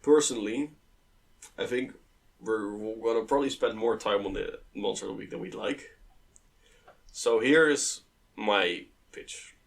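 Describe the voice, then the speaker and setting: A man's voice: fairly low pitch, a little slow, vocal fry, pauses often, distant mic. A man co-hosting a tabletop gaming podcast, rambling and self-deprecating as he thinks aloud. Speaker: podcast co-host and dungeon master. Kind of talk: casual podcast chat.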